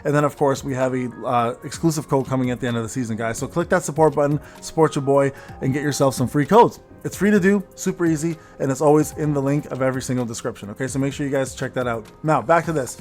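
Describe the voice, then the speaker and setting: Male gaming creator, quick rambling delivery with stumbles and repeats, casual update commentary, faint music behind. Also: medium pitch, a little mellow. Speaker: gaming content creator hosting an update video. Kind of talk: casual news rundown commentary.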